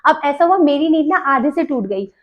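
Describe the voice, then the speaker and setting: A woman's voice: sits high, lively intonation, normal speed. A young woman, telling stories in casual podcast chat and laughing as she recalls them. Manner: chatty, laughs while recalling. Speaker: podcast host sharing stories. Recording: dull lo-fi sound.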